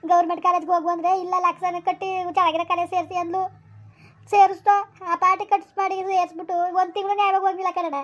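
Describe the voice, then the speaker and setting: A woman's voice: very high-pitched, little pitch movement, a bit bright, dull audio. A woman playing a grieving village woman who laments and curses a runaway girl in a family skit. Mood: angry cursing. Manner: lamenting, cursing, rapid village speech.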